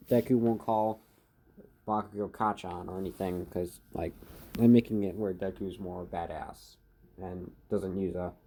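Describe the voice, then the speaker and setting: A man's voice: lowish voice, dark tone. A man improvising a fan story, rambling with many fillers and restarts.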